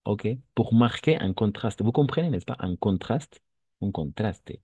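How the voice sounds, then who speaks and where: A man's voice: fairly low pitch, animated, unhurried, dark tone, slightly rough, no room sound. A man teaching a French lesson to Spanish speakers, patient and repetitive, checking often that students understand.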